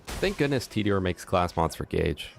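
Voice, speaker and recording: A man's voice: low-pitched, sing-song, moderate pace, vocal fry, soft background music. A man streaming a game, chatting and joking casually with his chat. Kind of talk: casual gameplay livestream commentary.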